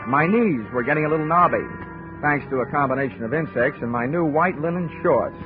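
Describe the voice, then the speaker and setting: An actor in a 1940s radio drama plays a wry, wisecracking insurance investigator who serves as both lead detective and narrator of his own case. His voice is a little high and fairly quick, lightly acted, heard through a tinny vintage broadcast with music.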